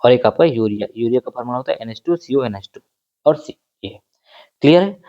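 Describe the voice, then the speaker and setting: A man's voice: medium pitch, lively intonation, brisk, highs cut off. A man teaching a chemistry exam-prep lecture, repeating key terms and asking the class questions that he answers himself, mixing in English phrases. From India.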